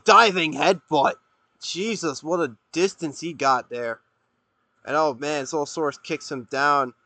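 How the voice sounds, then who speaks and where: A man doing play-by-play as a wrestling commentator, with an excitable delivery. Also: a little high, no echo. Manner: excitable, erupts into shouting at big moves.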